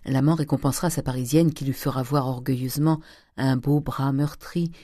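A man narrating a classic novel in a measured, even delivery. His voice is warm and mellow, recorded dry and close with no room sound. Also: medium pitch, dry recording. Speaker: audiobook narrator. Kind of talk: scripted narration.

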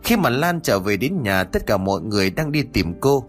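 A man narrating a dramatic horror story in a steady, scripted reading. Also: medium pitch, normal speed. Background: faint music.

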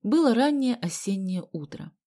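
A woman narrating a children's adventure audiobook with expressive storytelling. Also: medium pitch, normal speed. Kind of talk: scripted narration.

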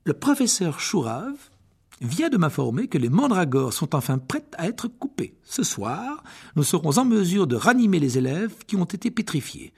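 A man voicing a stern older female teacher in an audiobook, speaking crisply and with authority. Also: fairly high pitch, very animated, moderate pace, darkish tone, voice pushed up, full character voice. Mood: hopeful.

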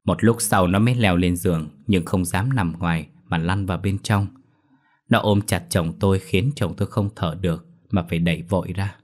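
A man narrating a ghost story in a brisk, lively reading. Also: low-pitched.

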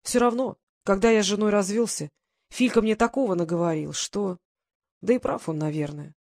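A woman voicing a weary, aging male ex-convict father who speaks in a gruff, resigned way. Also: mid-range voice, moderate pace, darkish tone, no echo, studio quality, natural voice. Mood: bitter.

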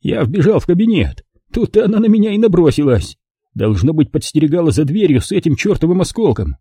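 A man's voice: fairly high pitch, sing-song, brisk, dark tone, breathy edge, dry recording, clean studio sound, voice pushed up, exaggerated voice. A man voicing a young, foul-mouthed police inspector who speaks in rattled, coarse outbursts in an audiobook. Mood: indignant. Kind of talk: audiobook character voice.

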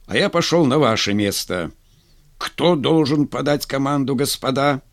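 A man voicing a stern, contemptuous army general who speaks gruffly, in a commanding way. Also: mid-range voice, lively intonation, moderate pace, dry recording, studio quality, close to an everyday voice. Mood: stern scorn.

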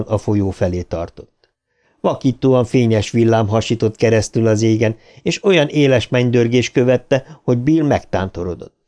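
A man reading an audiobook aloud in an expressive, dramatic narration style. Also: on the low side.

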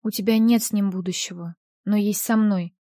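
A woman's voice: mid-range voice, fairly even intonation, moderate pace, warm tone, no room sound, clean studio sound, lightly acted. A woman voicing a jealous, vengeful young man in an audiobook, speaking in a cold, mocking way. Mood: menacing.

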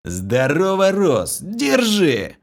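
A man voicing a rowdy, hulking young brute who shouts crudely and boisterously. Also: mid-range voice, big pitch swings, unhurried, voice pushed up.

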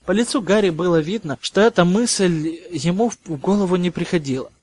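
A man narrating a novel as an audiobook, with even, measured storytelling. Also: high-pitched, husky.

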